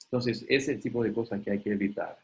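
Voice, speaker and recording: A man facilitating an online webinar. He explains in a conversational way, often checks in with "ok?", and briefly acts out quoted questions in a higher voice. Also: brisk, creaky, poor audio. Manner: conversational, often tags sentences with "¿ok?". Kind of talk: live online talk.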